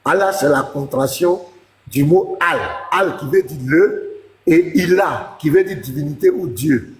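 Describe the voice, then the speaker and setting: A pastor caught up in a heated religious debate lectures insistently and talks over the woman he is arguing with. His voice sits on the high side and moves a little slowly, in an echoey room with a long reverb tail.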